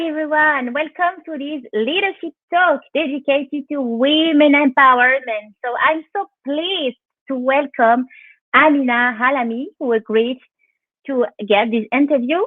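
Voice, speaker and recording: A woman's voice: high-pitched, a little slow, dry recording. A woman with a French accent hosting a live online interview in English, often repeating words as she searches for them. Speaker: interview host. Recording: tinny phone line, dry.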